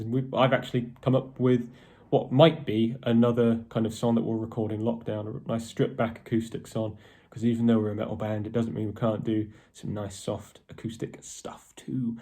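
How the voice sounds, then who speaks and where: A man's voice: medium pitch, dark tone. A man from a metal band, giving a casual, rambling video update to fans with many ums and restarts. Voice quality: posh-sounding voice.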